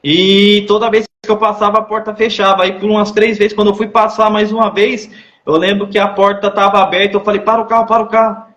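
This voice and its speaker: A man's voice: high-pitched, flat delivery, brisk, a bit bright, roomy sound, highs cut off. A man telling an emotional personal testimony as an interview guest, speaking earnestly and repeating himself. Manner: repetitive, earnest storytelling with church slang. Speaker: guest sharing his testimony.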